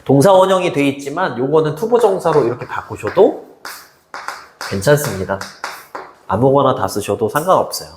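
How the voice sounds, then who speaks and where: A man teaching an English lesson to high school students in a chatty way, often checking in with them. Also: normal speed, roomy sound, a little hiss or hum. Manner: lively, chatty, keeps asking students "right?".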